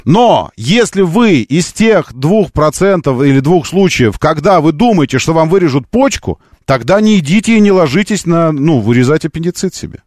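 A man's voice: on the high side, lively intonation, moderate pace, hardly any pauses, a little mellow, no room sound, clean studio sound. A man hosting a live call-in radio show, arguing insistently and repeating phrases for emphasis. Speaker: radio talk show host.

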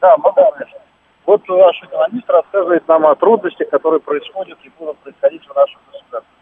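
A fast-talking, high-voiced man calls in to a radio show. He holds his phone away from his mouth, so he sounds faint and tinny over the narrow line. His phrasing rambles and stalls. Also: slight background noise. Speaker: caller. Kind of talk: call-in opinion. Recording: thin distant phone line.

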